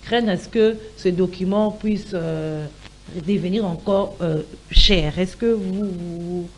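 A woman's voice: lowish voice, takes it slowly, darkish tone, a little hiss or hum, poor audio. A woman hosting a studio debate, putting questions to the panel and cutting in. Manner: interjecting, questioning. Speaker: talk show host.

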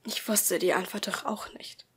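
A woman narrating an amateur audiobook in the first person, reading softly and slowly. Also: medium pitch, breathy edge, whispered. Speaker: audiobook reader.

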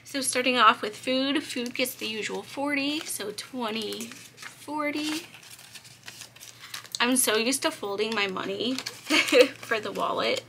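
A woman's voice: fairly high pitch, slow, bright, forceful tone, slight background noise. A young woman with a slightly cracking voice chats casually as she counts cash aloud for a budgeting vlog. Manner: chatty, counts bills aloud, light laughs. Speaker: budgeting vlogger.

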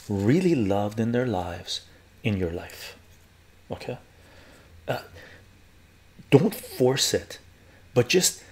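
Brief: older Canadian man, gravelly low voice, laid-back rambling streamer in his living room. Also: a little hiss or hum. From West Coast Canada. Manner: relaxed, rambling, repeats phrases, laughs often. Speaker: live streamer. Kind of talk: casual live-stream chat while peeling garlic. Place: living room at home, indoors.

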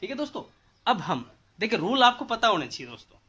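Male physics tutor, thirties, bright voice, quizzes class then answers himself. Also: high voice, quick pace, slightly rough. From India. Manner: animated, asks rhetorical questions and answers them. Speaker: physics teacher. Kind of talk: whiteboard lesson. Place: indoors at a whiteboard.

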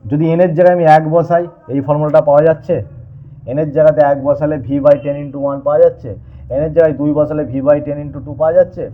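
A man's voice: a little high, level tone, quick pace. A man teaching a physics lesson, asking the class questions and then answering them himself. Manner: addresses students informally. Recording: tinny, phone-like sound.

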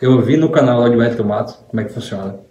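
A man's voice: medium pitch, very fast. A man with a Brazilian accent telling a story in casual, slangy talk and acting out what others said. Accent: Brazilian Portuguese. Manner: animated and slangy, often acting out quotes. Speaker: commentator exposing a preacher. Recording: roomy echo.

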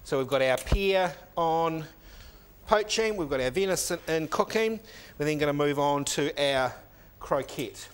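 A middle-aged man who teaches cooking explains a recipe methodically while preparing it in a teaching kitchen, slipping in the odd "um". His voice is slightly high, his pace measured, with a little hiss or hum in the recording.

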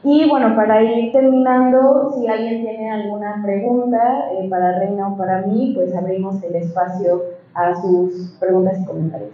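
A woman presenting her book in a large hall, explaining her ideas in a measured, engaged way. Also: mid-range voice, steady tone, slight background noise. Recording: echoey hall, muffled sound.

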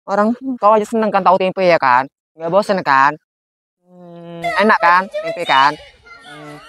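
A man acting a grumbling, quick-tempered village mother in a slapstick sketch. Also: sits high, lively intonation, pushed and bright, clear, resonant tone. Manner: grumbling, mocking asides. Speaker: comic actor.

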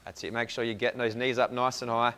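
A man's voice: mid-range voice, little pitch movement, fast talker, bright, forceful tone, clear, resonant tone. A young Australian man working as a fitness coach, calling out short instructions and encouraging praise as he leads a home workout. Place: indoor room with hard floor and whiteboard.

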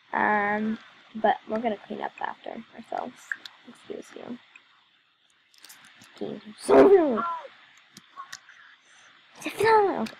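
Woman chatting over her game, kinda gravelly and worn-out voice, lots of ums and likes, pitched a bit high. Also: a little mellow, a little hiss or hum, rough recording. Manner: rambling, apologetic, many "um" and "like". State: voice wearing out from talking all day. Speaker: let's play commentator. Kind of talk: casual gameplay commentary.

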